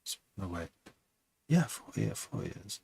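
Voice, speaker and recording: A man's voice: low-pitched, animated, measured pace, vocal fry, a little mellow, slightly rough, low-quality recording. A man who produces music, chatting casually on a live stream, rambling and hesitant with many restarts.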